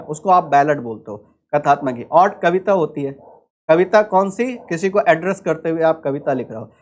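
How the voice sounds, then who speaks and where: A slightly high, slightly mellow male voice with an Indian accent leads an online lecture on English vocabulary for exam prep. His explanations move step by step, punctuated by rhetorical questions to the class.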